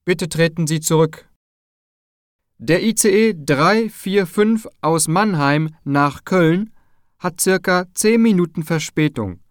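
A man reading train station announcements in a formal, measured announcer delivery. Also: a little high, no room sound, clean studio sound.

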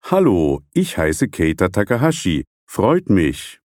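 A young man playing a polite student in a scripted textbook dialogue, speaking carefully and deliberately. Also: sits low, wildly swooping pitch, a little mellow, no room sound, studio quality, exaggerated voice. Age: young adult. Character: young man introducing himself.

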